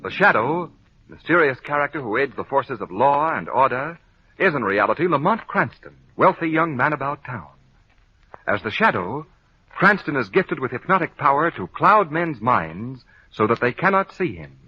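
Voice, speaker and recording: A man's voice: medium pitch, big pitch swings, moderate pace. An American man announcing in the emphatic style of an old radio announcer, reading introductions and sponsor copy. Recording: dull, band-limited old radio broadcast.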